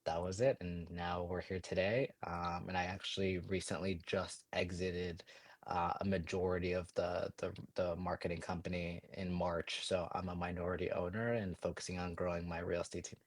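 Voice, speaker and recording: A young man in his twenties tells his story as a podcast guest, quick and energetic with plenty of fillers. His voice sits very low and stays flat in pitch. The sound is dry and close, with no room echo. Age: 20s. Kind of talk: casual storytelling.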